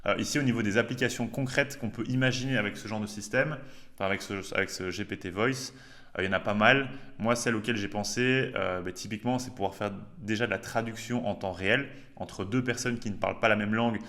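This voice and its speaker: A man with a fairly low voice walks viewers through a casual tech demo. He talks loosely and slangily, with plenty of filler pauses. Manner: relaxed, chatty, slangy with frequent hesitations. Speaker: host.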